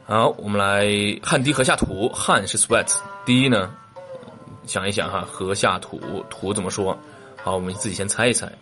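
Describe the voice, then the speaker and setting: A man's voice: on the low side, steady tone, normal speed, bright, forceful tone, soft background music. A man teaching a lesson, patiently explaining translations, asking questions and spelling out words letter by letter. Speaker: English teacher.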